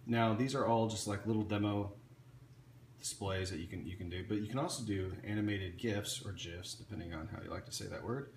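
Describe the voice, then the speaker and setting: A man's voice: fairly low pitch, brisk. A man casually showing off an electronics kit he built, talking off the cuff with frequent restarts and fillers. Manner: rambling, many restarts and fillers. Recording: echoey room with faint ambient noise.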